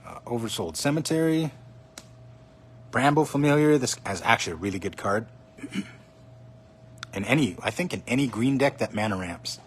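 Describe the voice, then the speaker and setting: Excited man opening trading cards. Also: mid-range voice, normal speed, pauses often, breathy edge. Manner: chatty, excited, naming cards as he pulls them. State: slightly hoarse. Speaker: card box opening streamer. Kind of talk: casual livestream commentary.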